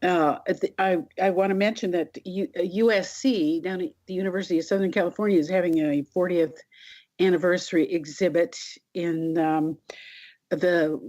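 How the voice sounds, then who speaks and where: A woman with a lowish voice recalls things as an interview guest. She talks casually and haltingly, in an anecdotal way. The recording is dull and lo-fi. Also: steady tone, a little mellow. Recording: dull, lo-fi sound.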